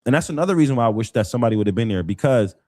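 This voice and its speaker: Fast-talking earnest male co-host. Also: mid-range voice, lively intonation, a little mellow, no room sound. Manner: fast, earnest, repeats phrases for emphasis. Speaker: co-host of a live community talk show. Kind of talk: casual commentary on local politics.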